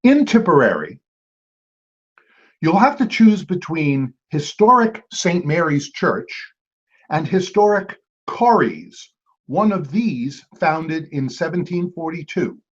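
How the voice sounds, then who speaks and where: A man quizmaster runs an online trivia game, playful and tossing in jokey asides. His voice is on the high side, very animated and slow. The video call audio is dull and lo-fi.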